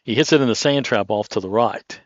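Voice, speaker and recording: Male golf commentator, mid-pitched, conversational and anecdotal. Dull, close and dry audio. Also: a little fast, no room sound. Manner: chatty, anecdotal, rambling.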